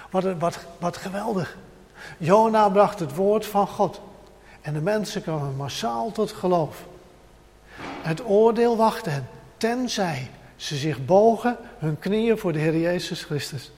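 A man's voice: sits high, darkish tone. A man preaching a sermon with emphasis, repeating short phrases as he builds up, speaking directly to his listeners. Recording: long hall reverb.

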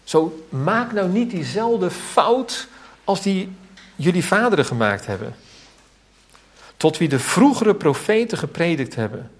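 A man delivering a sermon at a slow, deliberate pace. His pitch moves widely, and he presses words with earnest, pleading emphasis. He builds from quiet reflection to raised, insistent calls. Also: big pitch swings. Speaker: preacher.

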